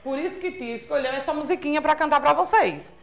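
A woman's voice: high-pitched, quick pace, gravelly. A woman from Brazil with a Sergipe accent teaching a remote lesson to young children, prompting patiently and checking in often. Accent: Sergipe Brazilian Portuguese. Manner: patient, sing-song teacherly prompting with frequent checks like "certo?". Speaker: primary school teacher. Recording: echoey room.

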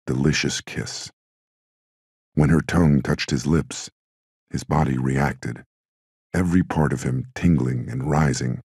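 Male audiobook narrator, very deep and husky, measured delivery, dry close sound. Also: dark tone, no echo.

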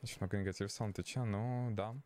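A man's voice: lowish voice, fairly even intonation, very fast, a little mellow. A man streaming a game, chatting casually, swearing a lot and arguing with his chat.

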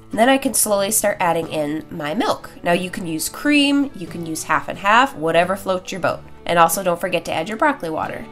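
A woman's voice: mid-range voice, fairly bright tone. Stuffed-up young woman with a honking nasal voice. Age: young adult. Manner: chatty, playful. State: stuffed nose and sore throat. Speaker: cooking video host. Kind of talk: casual recipe tutorial. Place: home kitchen, indoors. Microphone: lapel mic. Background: music.

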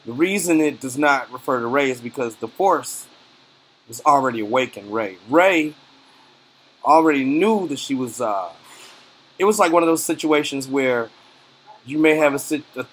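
A man in the middle of his vocal range talks through a movie review in a loose, conversational way. He leans on plenty of fillers and restarts, and his voice drops off softly at the ends of phrases. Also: mid-range voice, lively intonation, normal speed, slightly rough. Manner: uneven loudness, trailing off quietly at phrase ends. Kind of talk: casual spoken film review.

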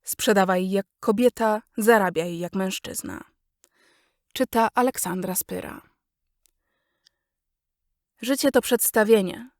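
A woman narrating a business guide audiobook in a measured, instructive way, addressing the listener directly. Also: medium pitch, darkish tone, no room sound, studio quality.

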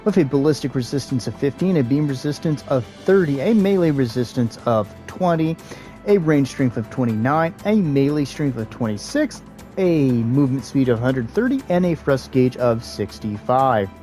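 A man hosting his gaming channel, giving relaxed, casual gameplay commentary with joking asides and the odd filler pause. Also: mid-range voice, soft background music.

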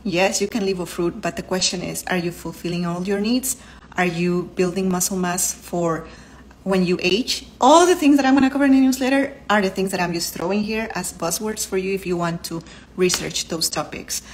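In her home living room, a thirtysomething woman who is a doctor and vlogger speaks casually to the camera. Her first language is Spanish and her English shows that accent. With a lowish voice at normal speed, she earnestly explains health topics, going through terms one by one.

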